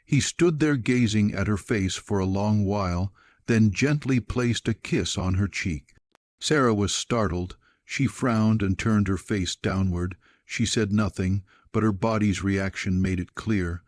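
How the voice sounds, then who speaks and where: A man narrating a scripted story in an even, measured way. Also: lowish voice, no room sound.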